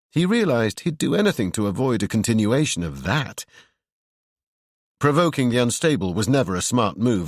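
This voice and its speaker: A man narrating a horror audiobook in a measured, brooding storytelling manner. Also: fairly low pitch, dry recording, studio quality.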